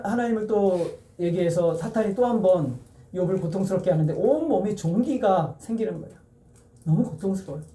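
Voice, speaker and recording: A male pastor delivers a sermon in a relaxed, conversational way, putting question after question to his congregation and slowing down to read scripture aloud with them. His voice sits high but has a mellow, dark tone. He is heard from some distance away in a reverberant church hall. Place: church sanctuary. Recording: echoey church hall, mic a bit distant.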